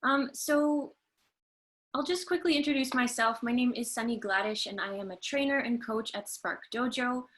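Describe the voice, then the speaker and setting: A woman's voice: a little high, moderate pace, fairly bright tone. Canadian-born woman hosting a webinar. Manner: polite, frequent um fillers. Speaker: host and trainer. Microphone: video call.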